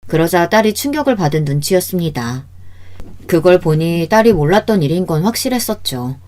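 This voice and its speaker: A woman calmly narrating a first-person family story in radio style. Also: lowish voice, a little fast.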